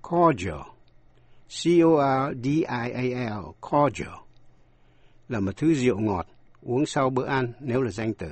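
A man teaching English vocabulary, slowly spelling words letter by letter and explaining their stress and meanings. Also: medium pitch, darkish tone, no room sound. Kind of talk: slow scripted pronunciation lesson.

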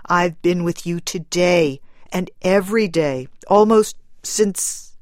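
Soft coaxing husband, slow and low-key, read by a woman. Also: no room sound, clean studio sound. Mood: gentle. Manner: gentle, coaxing. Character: gentle worried husband and father.

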